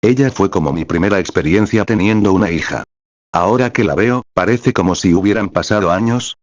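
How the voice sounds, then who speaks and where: A man narrating a story aloud at a slow, even pace. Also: fairly low pitch, no room sound, lo-fi sound.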